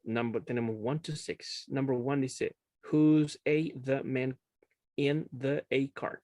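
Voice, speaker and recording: A man's voice: medium pitch, fairly even intonation, slow pace, darkish tone, no room sound, clean studio sound. A man teaching a class over a video call, explaining patiently, often checking understanding and switching between two languages. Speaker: English teacher.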